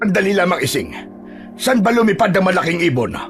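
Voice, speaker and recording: A man voicing a gruff middle-aged village chief who questions sharply and warns of danger. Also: high-pitched, big pitch swings, fast, a bit bright, faint music behind, pitched above the performer's own voice. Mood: grave. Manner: brusque, questioning, cautioning.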